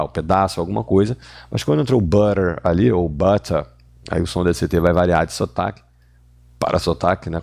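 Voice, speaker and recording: Deep gravelly guy explaining english grammar, portuguese speaker, slows right down on example words. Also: darkish tone. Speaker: English teacher. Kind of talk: grammar lesson explaining exercises.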